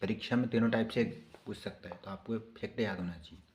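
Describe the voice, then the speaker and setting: A man's voice: lowish voice, fast talker, a little mellow, highs cut off. A man teaching grammar in an online exam-prep class, explaining patiently and repeating key points with frequent checking questions.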